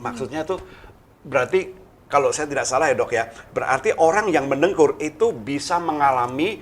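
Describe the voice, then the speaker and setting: A man's voice: fairly high pitch, expressive, normal speed. A man co-presenting an infomercial talk show, explaining step by step and often repeating himself.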